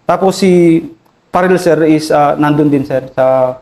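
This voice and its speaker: A Filipino army officer with a Filipino accent, recounting combat in an interview, deferential and halting, adding "sir" to nearly every phrase. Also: male voice, fairly high pitch, a little mellow, poor audio. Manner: deferential, says "sir" constantly, halting with many fillers. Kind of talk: interview storytelling.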